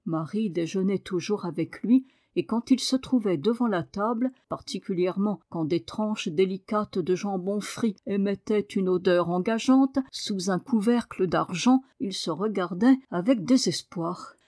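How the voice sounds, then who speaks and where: A woman narrating a classic children's novel as an audiobook, measured and clear. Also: mid-range voice, warm tone, no room sound, clean studio sound.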